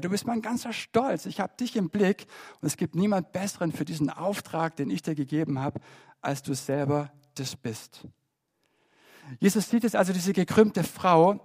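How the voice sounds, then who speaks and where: A man preaching a sermon in a church service, swinging between loud emphasis and soft, quiet appeals. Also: sits high.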